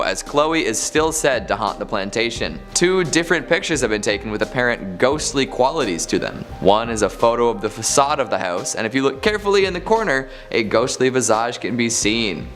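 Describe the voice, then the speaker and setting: A man's voice: medium pitch, a bit bright. A man reading scripted narration as the narrator of a top ten countdown. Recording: music bed under the voice. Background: background music.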